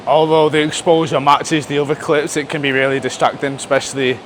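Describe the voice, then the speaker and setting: A man's voice: fairly high pitch, little pitch movement, a little fast, a little hiss or hum. A man muttering casually and thinking aloud as he films a gym vlog. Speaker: fitness vlogger. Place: indoor gym.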